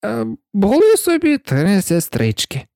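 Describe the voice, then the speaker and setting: A reader doing a hoarse, sleepy dormouse. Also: mid-range voice, wildly swooping pitch, darkish tone, no echo, clean studio sound, voice pushed up, full character voice. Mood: drowsy. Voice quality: hoarse, feeble voice. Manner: slow, drawling, half-asleep. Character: sleepy, drowsy little dormouse, male. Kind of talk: storybook reading.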